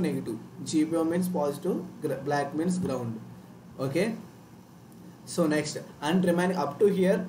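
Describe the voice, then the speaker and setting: A man's voice: fairly high pitch, warm tone. A man with a Telugu Indian accent, a native Telugu speaker, explaining like a live online tutor in a repetitive way. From Telugu-speaking South India. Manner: repetitive, checks understanding with tag words. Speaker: online workshop instructor. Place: indoor room, live screen-share stream. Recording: roomy, distant mic, faint noise.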